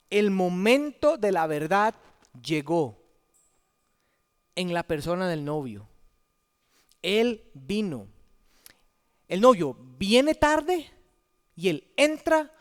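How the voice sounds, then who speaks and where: A man preaching a sermon in a church, dramatic, dropping to a hush and then rising loud. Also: high-pitched. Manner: dramatic, swings from hushed to loud. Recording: echoey church hall.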